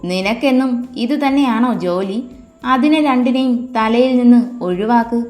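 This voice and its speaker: A woman's voice: on the high side, normal speed, natural voice. Woman voicing a menacing, arrogant boss. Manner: contemptuous, commanding. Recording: echoey room with soft music.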